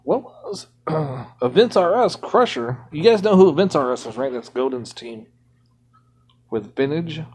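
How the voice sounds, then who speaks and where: A man's voice: a little high, expressive, measured pace, darkish tone. A man streaming a game from home, ranting indignantly in casual commentary.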